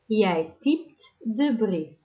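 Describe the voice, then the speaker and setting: A woman reading numbered practice sentences aloud as a language teacher, in a deliberate drill style with long pauses. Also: mid-range voice, lively intonation. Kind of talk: slow, clearly enunciated drill reading. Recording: dull lo-fi recording.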